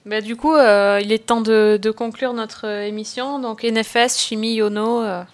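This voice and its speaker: A woman hosts a casual podcast, dropping teasing asides between remarks on series. Her voice sits a little high. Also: fairly even intonation, normal speed. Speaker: podcast host. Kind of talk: casual chat reviewing TV series.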